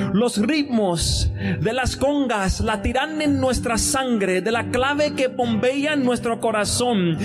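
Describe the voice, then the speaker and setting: High-voiced Puerto Rican man reading poetry. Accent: Puerto Rican Spanish. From Puerto Rico. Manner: chatty, loose intro with English "so" fillers. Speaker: poet. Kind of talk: spoken word poetry reading. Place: bar event space, indoors. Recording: live mic with guitar music behind. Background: guitar music.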